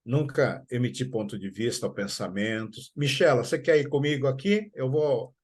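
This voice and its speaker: Husky middle-aged Brazilian man coordinator. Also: medium pitch. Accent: Brazilian Portuguese. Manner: acts out parents and teens in quick asides. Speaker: school coordinator. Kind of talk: live talk to parents.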